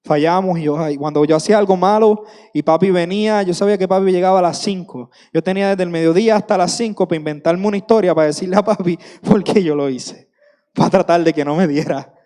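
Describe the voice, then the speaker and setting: Male preacher, impassioned sermon, repeats phrases, mellow tone, long reverb. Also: high voice, fast talker.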